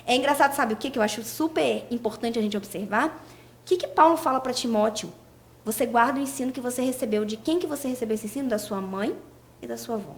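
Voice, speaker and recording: A woman's voice: on the high side, fast. A young woman, a podcast guest explaining scripture and asking rhetorical questions. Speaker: guest speaker.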